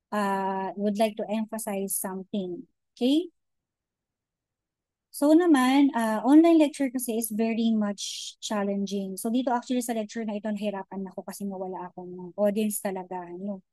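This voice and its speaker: A woman giving an informal online lecture, mixing Tagalog and English, often checking in with "okay?" and pausing to search for words. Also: medium pitch, warm tone, dry recording, low-quality recording. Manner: chatty Taglish, frequent "okay?" and "di ba?" check-ins; many hesitations and restarts.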